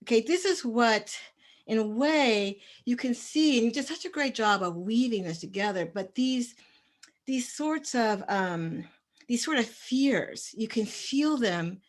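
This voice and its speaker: A woman's voice: on the high side, animated, takes it slowly. A woman speaking as a panelist in a discussion, passionate and emphatic, with a tremor in her voice.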